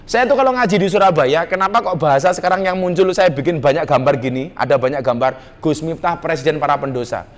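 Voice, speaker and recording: A man's voice: a little high, quick pace, few pauses. Joking Javanese preacher man. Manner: teasing, jokey, mixes Javanese slang into his talk. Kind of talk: joking sermon to a nightclub crowd. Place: nightclub hall with a live audience.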